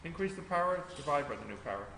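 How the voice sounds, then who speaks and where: Male maths tutor, high voice, step-by-step and questioning; echoey room, faint noise. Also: expressive, quick pace. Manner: explains step by step, asks the class questions. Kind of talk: classroom tutorial. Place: classroom.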